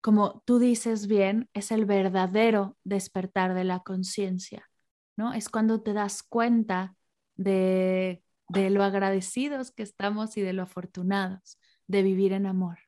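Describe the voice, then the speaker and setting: Slow, mellow-voiced woman in conversation. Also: mid-range voice, steady tone. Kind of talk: reflective conversation.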